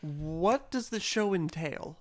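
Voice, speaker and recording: A man's voice: on the high side, lively intonation, slow, no echo. A man co-hosting a podcast in casual chat, mostly asking short questions and dropping brief, dry remarks.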